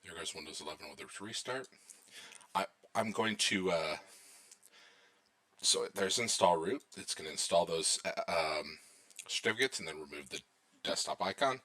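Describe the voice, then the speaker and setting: Low-voiced man narrating a tech demo. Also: moderate pace, pauses often. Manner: relaxed, thinking aloud while watching installs. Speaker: IT instructor. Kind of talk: screen-recorded tech tutorial narration.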